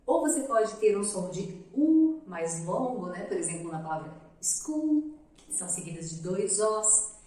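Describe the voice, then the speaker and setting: A woman's voice: medium pitch, sing-song, measured pace, warm tone. Young Brazilian woman, English teacher, careful demonstrations of each sound, roomy distant recording. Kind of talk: pronunciation lesson. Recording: very echoey room, voice off-mic.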